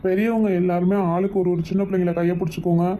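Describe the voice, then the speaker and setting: A woman's voice: lowish voice, fairly even intonation, very fast, dark tone, close to an everyday voice. A woman voicing a caring older uncle giving careful instructions in a cartoon. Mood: instructive. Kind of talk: cartoon voice acting. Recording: tinny phone-like sound.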